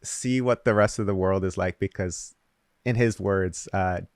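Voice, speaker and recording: A man's voice: low-pitched, a little slow, dry recording, clean studio sound. A man hosting a podcast, chatting casually and laughing easily. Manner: laughs easily, relaxed and conversational. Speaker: podcast host. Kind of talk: casual conversation.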